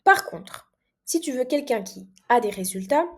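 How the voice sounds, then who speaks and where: A young woman from Mayotte, a language coach, speaking straight to the viewer in a persuasive pitch video. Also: expressive, moderate pace. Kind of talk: direct-to-camera pitch video.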